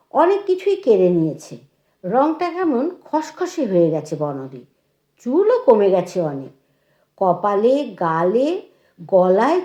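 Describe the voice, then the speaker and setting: A woman narrating a short story in an expressive, lively reading voice. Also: on the high side, dull audio. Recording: echoey room.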